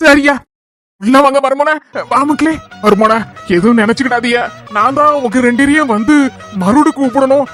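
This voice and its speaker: A man voicing a gentle, fussing elderly father in a cartoon, with a Kanyakumari Tamil accent. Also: very high-pitched, normal speed, soft background music. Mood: doting. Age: older. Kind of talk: cartoon voice acting.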